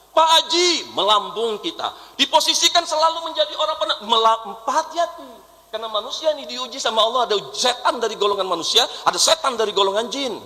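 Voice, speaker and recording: A young man preaching a lively sermon in a mosque, repeating his phrases for emphasis. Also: high voice. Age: young adult. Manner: lively preaching, repeating phrases, mimicking voices in quoted dialogue. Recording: reverberant mosque hall.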